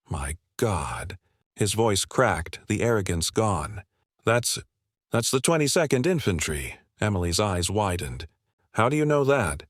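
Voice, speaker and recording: A man narrating a scripted dramatic short story in a measured storytelling manner. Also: lowish voice, no room sound, studio quality.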